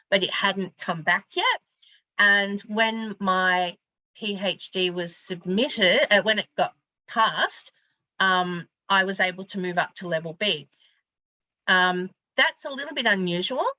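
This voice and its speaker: Woman, university lecturer, bright voice, chatty with fillers, dry muffled video-call sound. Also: medium pitch, dry recording. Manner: chatty, informal, many fillers and restarts. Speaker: university lecturer teaching a class. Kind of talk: online class on academic job hunting.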